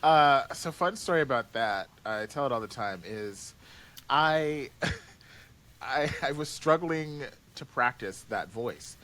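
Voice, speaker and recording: A man's voice: mid-range voice, lively intonation, slow pace, fairly bright tone. A man who writes and voices an audio drama, talking in a casual podcast chat, rambling with many fillers and restarts.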